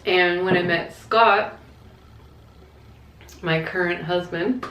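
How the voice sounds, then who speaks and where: A woman with a slightly low voice talks casually, as in a question-and-answer vlog. She is candid and reflective, keeping things conversational. The room around her is clearly echoey. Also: steady tone, takes it slowly, fairly bright tone. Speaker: vlogger answering viewer questions. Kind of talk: casual chatty Q&A to camera. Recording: echoey, roomy sound.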